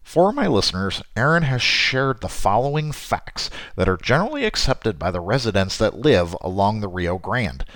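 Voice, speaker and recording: A man playing a raspy, lively radio host. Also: lowish voice, normal speed, hardly any pauses, no room sound. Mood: showy. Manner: showy, dramatic announcer delivery. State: recovering from a cold. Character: cheerful male wasteland radio host, theatrical. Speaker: radio broadcaster. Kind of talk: radio drama monologue.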